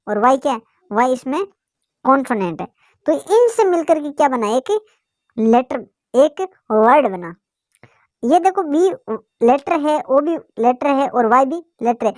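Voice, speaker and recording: A woman's voice: high-pitched, a little mellow, no echo, studio quality. A woman teaching a basic English lesson, asking questions and answering them herself. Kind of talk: classroom lesson explanation.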